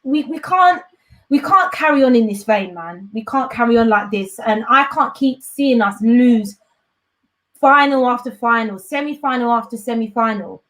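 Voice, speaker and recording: A woman football pundit in casual panel chat, exasperated and animated, laughing often. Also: on the high side, moderate pace, low-quality recording.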